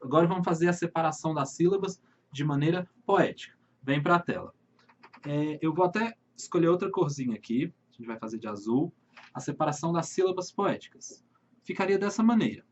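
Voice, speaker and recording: A man with a Brazilian accent teaching literature in an online video lesson, speaking straight to his viewers and slowing down to read verses aloud. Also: on the high side, expressive, highs cut off. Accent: Brazilian Portuguese. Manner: friendly, addresses viewers directly, slows to read verses.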